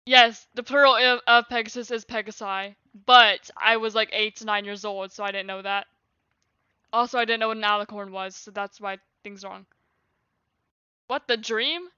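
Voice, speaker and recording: Teen girl streamer reading her kid journal, casual asides, clear voice but kinda dull lo-fi mic. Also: mid-range voice, steady tone, normal speed, bright, forceful tone, no room sound. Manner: laughing asides, casual commentary between readings. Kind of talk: reading a childhood journal aloud on a livestream.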